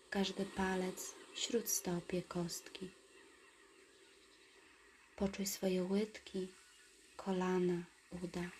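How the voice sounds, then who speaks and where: Woman meditation guide, soft whisper, very slow and lowish, faint hiss behind. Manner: slow, soothing, calm instructions.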